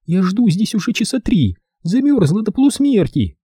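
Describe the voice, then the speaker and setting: A man reading an audiobook voices a sharp-tongued, impatient young brunette woman who scolds and chatters. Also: high-pitched, sing-song, moderate pace, slightly rough, no room sound, clean studio sound, pitched above the performer's own voice, full character voice. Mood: indignant, scolding.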